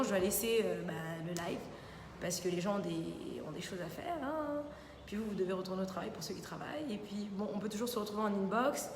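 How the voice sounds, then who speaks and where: A young adult woman, a TV columnist hosting a casual live Q&A, chatting informally and often filling with repeated little interjections. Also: mid-range voice. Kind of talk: casual live Q&A reading viewer comments. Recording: roomy studio reverb, faint background noise.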